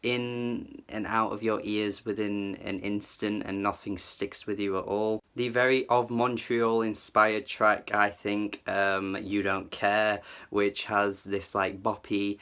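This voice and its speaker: Man, lowish voice, easygoing album-review chatter with lots of fillers. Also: level tone, slow pace, few pauses, pushed and bright, smooth. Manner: chatty, filler-heavy, hedging with "like" and "kind of"; enthusiastic. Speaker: music reviewer.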